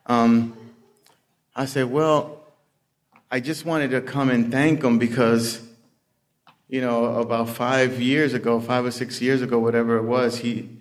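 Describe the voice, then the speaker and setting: A man's voice: medium pitch, flat delivery, unhurried, pauses often. A man, telling his recovery story in a casual, conversational way, often acting out what people said to him. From Puerto Rican heritage. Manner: conversational storytelling with frequent "you know" and acted-out quotes. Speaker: recovery speaker. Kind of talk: storytelling share at a recovery meeting.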